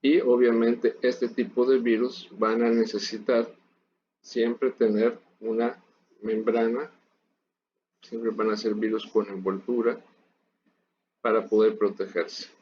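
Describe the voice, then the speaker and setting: A man's voice: medium pitch, little pitch movement, takes it slowly, long pauses, a little mellow. A man giving a recorded university lecture, explaining steadily and speaking directly to his students. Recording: dull lo-fi audio with faint noise.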